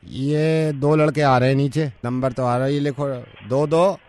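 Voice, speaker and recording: A man's voice: a little high, steady tone, a little slow, heavy background noise. A man on a radio prank call, haggling over a price in a casual, chatty way.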